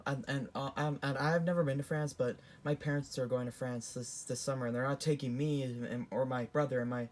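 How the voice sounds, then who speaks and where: A man's voice: medium pitch, steady tone, fairly quick, hardly any pauses. A teenage boy giving casual, rambling commentary as he ranks things on a tier list, often restarting and correcting himself. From Canada. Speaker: vlogger.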